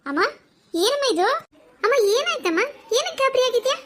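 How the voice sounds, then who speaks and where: A woman's voice: very high-pitched, sing-song, moderate pace, a bit bright, a little hiss or hum, full character voice. A woman voicing a blunt, defiant young woman, the bride's sister, in a cartoon. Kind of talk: cartoon voice acting.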